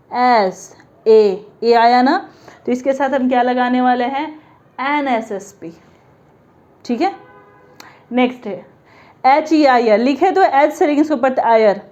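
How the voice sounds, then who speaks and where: High-voiced woman teaching grammar. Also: a little mellow, lo-fi sound. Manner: explains step by step, sounds out letters slowly. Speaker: English teacher. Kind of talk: classroom grammar lesson.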